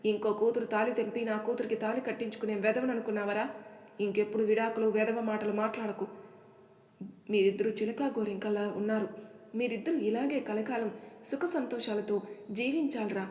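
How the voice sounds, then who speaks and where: A woman's voice: fairly high pitch, steady tone, brisk, a little mellow, natural voice. A woman voicing a fond middle-aged uncle. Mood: scolding. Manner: fond, chiding, heartfelt. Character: middle-aged maternal uncle, affectionate and scolding. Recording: echoey room with long reverb.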